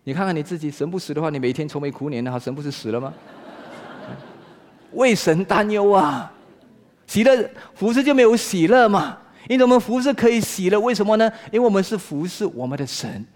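A male pastor delivers an animated sermon, a touch higher-pitched than most men. He leans on rhetorical questions and swings between loud exclaiming and hushed, quiet passages. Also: quick pace, hardly any pauses.

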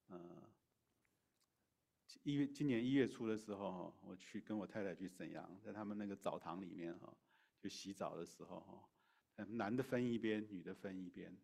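A middle-aged man preaches in an easygoing, conversational manner, pausing with fillers and restarting his sentences. His voice sits low. It has the loose feel of a sermon talked through rather than read. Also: vocal fry, a little mellow. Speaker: pastor.

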